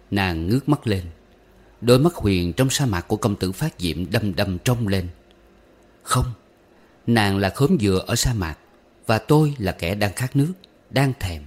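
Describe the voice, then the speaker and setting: A man with a fairly low voice reads a short story aloud in an audiobook style. His telling is wistful and gently humorous, and he slips into verse recitation now and then. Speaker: narrator.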